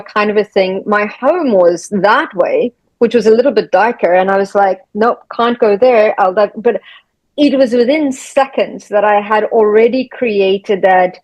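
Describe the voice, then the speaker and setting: A woman's voice: medium pitch, no echo. A young adult woman, a podcast host telling a personal story in casual conversation. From South Africa. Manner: storytelling, reflective. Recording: dull, dry sound.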